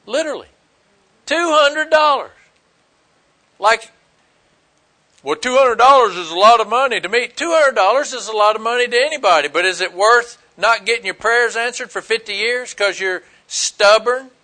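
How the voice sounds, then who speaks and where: A man delivers a folksy sermon in a high, bright voice. He talks plainly and with emphasis, leaping up in loudness on his key points and dropping low for quieter asides. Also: expressive, moderate pace. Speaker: preacher.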